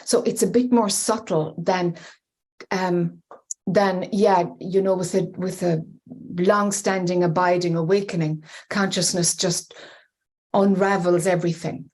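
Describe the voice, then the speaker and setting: Woman, Irish accent, spiritual teacher, guided meditation, low-pitched, breathy, soothing. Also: fairly even intonation, a little mellow. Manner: slow, hesitant, soothing guidance. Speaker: spiritual teacher leading an online gathering.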